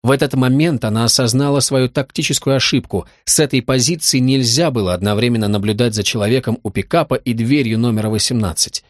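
A man reading a crime novel aloud in a steady, even storytelling manner. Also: mid-range voice, fast, few pauses, no echo, studio quality. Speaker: audiobook narrator. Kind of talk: scripted narration.

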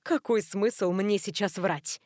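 A woman reading the part of a gangster's wife who answers in a flat, matter-of-fact, childlike way. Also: medium pitch, takes it slowly, no room sound, clean studio sound. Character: blunt gangster's wife, adult woman, unbothered. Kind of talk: audiobook character reading.

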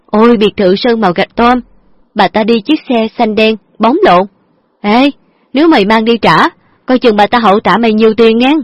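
A woman's voice: a little high, moderate pace, no echo, muffled recording, lightly acted. A woman narrator voicing a cheeky young female friend who teases. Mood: excited.

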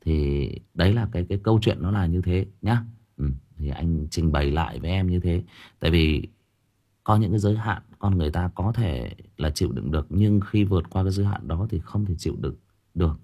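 A low, mellow male voice, animated and brisk, belongs to an audiobook reader chatting informally with listeners on a livestream. He rambles, hesitating frequently and repeating himself.

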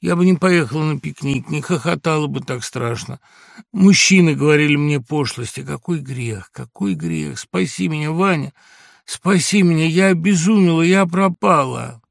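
A man's voice: medium pitch, steady tone, moderate pace, creaky, hardly any pauses, no echo, studio quality, voice pushed up. A man voicing a hysterical young woman who is sobbing with guilt and pleading for help, in an audiobook reading. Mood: desperate, sobbing. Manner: pleading, raised voice.

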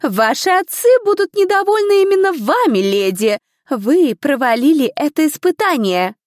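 Woman voicing a sharp, scolding stewardess. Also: high-pitched, big pitch swings, moderate pace, dry recording, studio quality, pitched above the performer's own voice. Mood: stern. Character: stern female stewardess of a trial, commanding.

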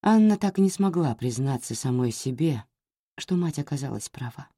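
A woman reading a novel aloud as an audiobook narrator, measured and expressive. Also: very deep voice, slightly rough, no echo, studio quality.

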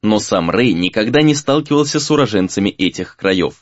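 A man's voice: on the low side, lively intonation, brisk, dry recording, lo-fi sound. Male audiobook narrator, dry close sound. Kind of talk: scripted fantasy narration.

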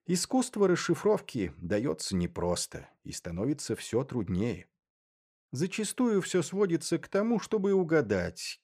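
A man reading first-person literary narration in a measured, dry and ironic way. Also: medium pitch, mellow. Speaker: audiobook narrator.

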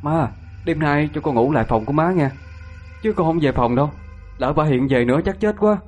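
A shrill, whiny young woman, played by a man, jumpy and sharp-tongued, in a Southern Vietnamese accent. Her voice rides high above the narrator's own and swings about a lot. Faint music lies under this audio ghost story. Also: lively intonation, brisk. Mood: scared.

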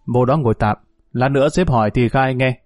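A man's voice: mid-range voice, fairly quick, a little mellow, no echo, studio quality, lightly acted. A man reading the part of a harsh, contemptuous male policeman in curt, scornful barks.

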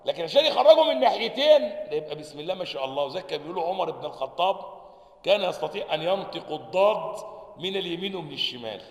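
A man with an Egyptian accent teaching a lesson on the articulation of Arabic letters, reading from a text, sounding out the letters and checking often that his students follow. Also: sits high. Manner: checks understanding with repeated questions; demonstrates letter sounds aloud. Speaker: sheikh teaching Quran sciences. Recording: echoey hall reverb.

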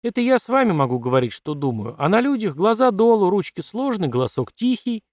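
A man's voice: high voice, very animated, a little fast, darkish tone, dry recording, pitched above the performer's own voice. Brief: man voicing a bold colonel's daughter, raised voice, defiant and mocking, dry audiobook read. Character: young woman, bold and quick-tongued colonel's daughter. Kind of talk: audiobook character voice.

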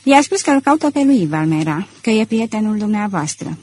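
A woman voicing an alarmed village seamstress reporting in a hurried, stammering way, with a husky voice. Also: medium pitch, sing-song, a little mellow, dry recording.

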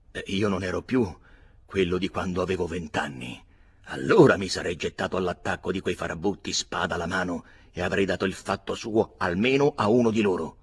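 Deep husky male narrator for a literary audiobook, expressive. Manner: dramatic, expressive first-person reading. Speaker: audiobook reader.

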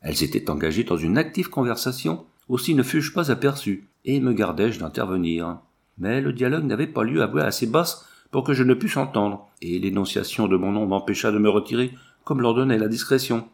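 A man narrating a classic novel as an audiobook, in an expressive, literary and gently ironic manner. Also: medium pitch, brisk, vocal fry. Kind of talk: scripted narration.

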